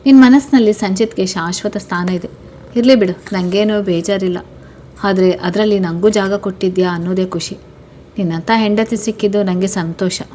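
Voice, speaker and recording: A woman's voice: medium pitch, fairly even intonation, moderate pace, dark tone, slight background noise, lightly acted. A tender young husband from a storybook, soothing and reassuring his wife, as a woman reader puts him on. He talks earnestly, in an everyday voice.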